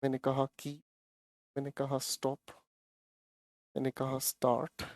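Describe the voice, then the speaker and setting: A man's voice: medium pitch, completely flat delivery, measured pace, dry recording. A male teacher explaining English grammar to an online class, coaxing and repeating himself, calling the students his children.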